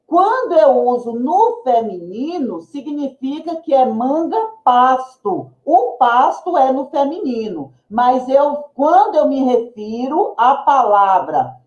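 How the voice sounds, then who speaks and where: A woman's voice: high-pitched, very animated, reverberant, dull audio. A woman with a Brazilian Portuguese accent, teaching grammar tips in a careful, didactic way. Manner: slow, careful, didactic delivery. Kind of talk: educational tips video.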